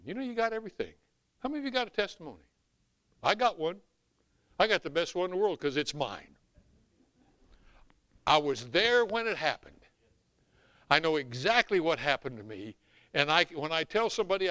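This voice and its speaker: A middle-aged or older man with a Southern US accent preaching an animated sermon in an emphatic, folksy way. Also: fairly high pitch, clear, resonant tone, dry recording. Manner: emphatic, folksy, swinging from hushed asides to shouts. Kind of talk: animated sermon with scripture reading.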